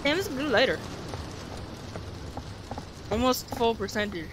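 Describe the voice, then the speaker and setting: A young woman's lively, swooping voice, pitched a little high and spoken slowly. She giggles nervously and swears playfully as she games. Clear background noise sits under her voice. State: jittery and shaky. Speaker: gamer recording a video. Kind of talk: casual gaming chat.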